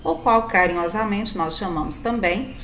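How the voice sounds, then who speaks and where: A woman teacher, giving a slow, clear, sing-song recorded grammar lesson for children. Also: mid-range voice, background noise.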